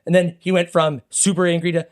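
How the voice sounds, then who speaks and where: A man's voice: high voice, flat delivery, fairly quick. Man telling a rambling story. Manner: rambling, lots of fillers and quoted dialogue. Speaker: podcast co-host. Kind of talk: casual storytelling chat.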